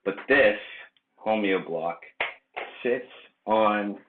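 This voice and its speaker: Deep-voiced man, rambling vlog, tinny echo. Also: very slow, background noise. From United States. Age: late 20s. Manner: rambling, many fillers and restarts. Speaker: vlogger. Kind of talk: casual unscripted vlog. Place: indoor room. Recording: echoey room, tinny phone-like sound.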